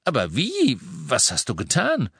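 A man voicing a tense grown wizard who speaks in sharp, clipped questions. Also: fairly high pitch, wildly swooping pitch, unhurried, vocal fry, breathy edge, dry recording, clean studio sound, voice pushed up, exaggerated voice. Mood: urgent, stern.

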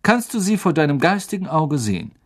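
A man reading aloud and voicing a good-humored, kindly middle-aged male professor who coaxes a nervous pupil in a cheerful, drawn-out way. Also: fairly high pitch, sing-song, husky, voice pushed up, full character voice. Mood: cheerful coaxing. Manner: cheerful, coaxing, drawn-out questions.

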